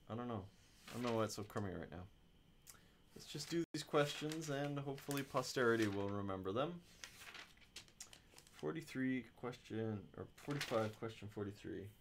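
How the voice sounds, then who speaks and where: A man works through physics questions on a livestream in a loose, conversational way. His pitch rises and falls a lot, and he thinks aloud and grumbles to himself as he goes. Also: slight background noise. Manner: chatty, muttering to himself about the stream. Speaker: physics instructor. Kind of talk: casual livestream tutoring.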